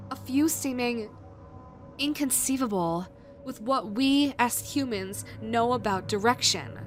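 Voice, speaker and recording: A woman reading a scripted creepypasta horror narration in a measured way, with dramatic pauses. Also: on the high side, fairly bright tone. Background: background music.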